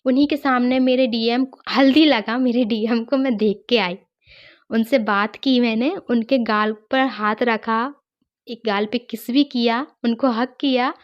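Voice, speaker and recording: A woman's voice: a little high, fairly even intonation, a little slow, highs cut off. A woman earnestly telling a personal story, retelling what others said to her. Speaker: guest sharing a personal testimony.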